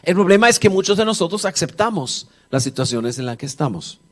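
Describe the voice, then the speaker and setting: A male pastor preaches in church with a high-pitched, fairly bright voice, speaking a little fast with big pitch swings. Conversational and joking with the congregation, he narrates the story animatedly and acts out the dialogue.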